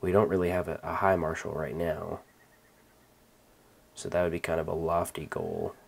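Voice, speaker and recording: A man hosting a let's-play, calmly talking through his moves with many ums and restarts. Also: sits low, moderate pace, vocal fry, breathy edge. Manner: relaxed, rambling, many fillers and restarts. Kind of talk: casual gameplay commentary.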